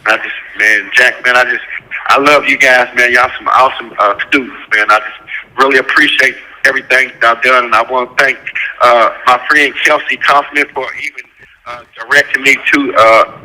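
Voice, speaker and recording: A man calling in over a prison phone, talking earnestly and haltingly with many fillers. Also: medium pitch, steady tone, bright, forceful tone. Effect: heard over a prison phone call. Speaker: incarcerated caller. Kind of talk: heartfelt phone address to an audience. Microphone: prison payphone handset.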